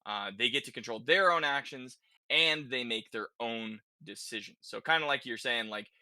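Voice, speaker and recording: A male podcast host with a very bright, forceful, medium-pitched voice leads a casual gaming discussion, talking conversationally and adding quick check-ins to many statements. The sound is dry and close, without echo.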